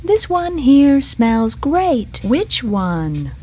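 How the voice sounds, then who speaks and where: A woman's voice: sits high, big pitch swings, very slow, a little mellow, husky, soft background music, full character voice. A woman playing a gossiping lady in comic novelty song dialogue. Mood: gossipy.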